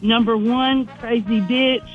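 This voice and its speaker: A woman calling in to a radio contest from her car over a clipped phone line, counting items off one by one with excitement. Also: fairly high pitch, slow, soft background music. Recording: dull lo-fi phone call audio.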